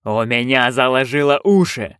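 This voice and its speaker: A man voicing a fretful, commanding dwarf stage director who drills his troupe with slow, barked questions in an audiobook. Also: medium pitch, animated, a bit bright, clean tone, no echo, clean studio sound, close to an everyday voice. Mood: drilling. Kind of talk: audiobook narration.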